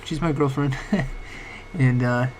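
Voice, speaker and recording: Late at night, a young vlogger nursing a cold talks about personal things, his medium-pitched voice cracking occasionally. His speech wanders and stalls, packed with fillers and restarts, captured on a home mic whose volume rises and falls over a faint hiss.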